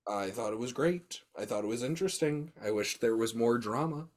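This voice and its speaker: A man co-hosting a podcast, telling animated stories in casual chat with crude jokes. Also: mid-range voice, fairly quick. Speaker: podcast co-host; teacher.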